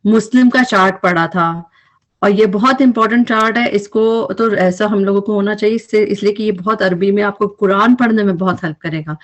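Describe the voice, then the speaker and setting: A woman's voice: medium pitch, steady tone. A woman teaching an Arabic grammar recap lesson, explaining patiently and mixing English terms into her speech.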